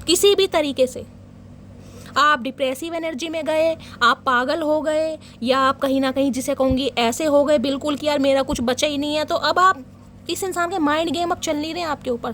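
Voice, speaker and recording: A woman's voice: high-pitched, moderate pace, fairly bright tone, slight background noise. A woman doing a casual tarot reading for her viewers, chatty and teasing, laughing often and chanting short invocations while she shuffles. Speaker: tarot reader.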